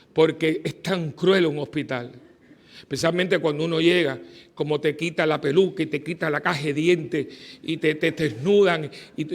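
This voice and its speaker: Middle-aged priest, high tenor voice, preaching with big swings between shouts and quiet asides. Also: male voice. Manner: animated, swings from loud exclamations to soft confiding asides. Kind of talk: sermon.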